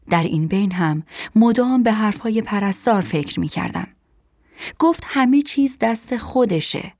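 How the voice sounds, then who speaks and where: Woman reading a quiet first-person audiobook. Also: medium pitch, dry recording, clean studio sound. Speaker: audiobook narrator.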